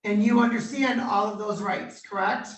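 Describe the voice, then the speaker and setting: A woman judge conducting formal court proceedings in measured, procedural questions, heard on a courtroom recording. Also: medium pitch, fairly even intonation. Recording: roomy courtroom audio from a distant mic.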